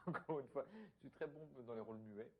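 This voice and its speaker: A man's voice: medium pitch, huge pitch swings, moderate pace, breathy edge. A man in a joking interview, hesitant and mocking himself.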